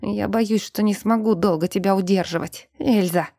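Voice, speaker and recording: A woman reading an audiobook and voicing a gruff, protective male werewolf who talks low and teases drowsily. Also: steady tone, normal speed, dark tone, no room sound, studio quality. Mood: pleading. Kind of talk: audiobook character voice.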